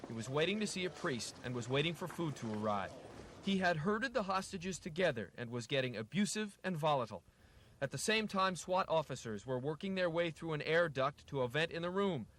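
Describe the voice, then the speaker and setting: A male American TV news reporter with a slightly high voice delivers scripted narration. His delivery is measured and formal, in classic broadcast style. Faint outdoor noise sits behind him on an old news tape. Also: lively intonation, a bit bright. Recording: noisy 1980s TV news tape, street noise.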